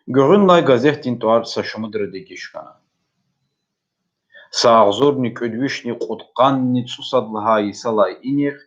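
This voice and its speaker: Man, native Lezgian speaker, fairly deep pitch, online dictation host, addressing participants, dull recording.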